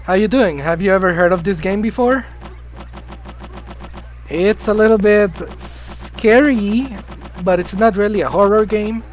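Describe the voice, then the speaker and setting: A man with a high-sitting voice talks at a measured pace with long pauses, over slight background noise on poor audio. He's live-streaming a video game, rambling casually, greeting viewers and answering chat, and coughing now and then after being sick. Spanish is his first language.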